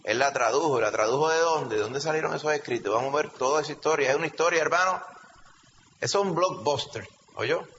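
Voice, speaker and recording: Quick-paced and fairly bright, with a voice on the high side, a male pastor gives an emphatic teaching sermon and often engages the congregation. The audio reverberates as in a hall, sounds slightly dull and carries a faint hum.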